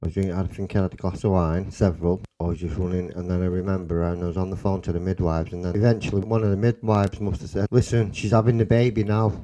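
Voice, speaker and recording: A young man with a Salford accent telling a personal story in a rambling, excitable way, swearing and restarting often. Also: deep voice, quick pace, hardly any pauses, a little hiss or hum, rough recording. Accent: Salford English. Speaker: storyteller guest.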